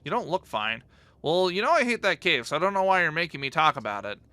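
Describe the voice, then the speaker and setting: A man's voice: fairly high pitch, big pitch swings, fast, sharp tone, dry recording, voice pushed up. A man reading aloud the lines of a nervous alien villager in a video game, defensive and uneasy. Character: jittery alien villager who hates the cave.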